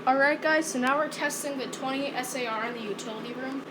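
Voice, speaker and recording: High-voiced woman vlogging casually. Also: quick pace. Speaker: host testing home alarms. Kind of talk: casual amateur vlog narration. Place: indoors in a house. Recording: faint noise, amateur home recording.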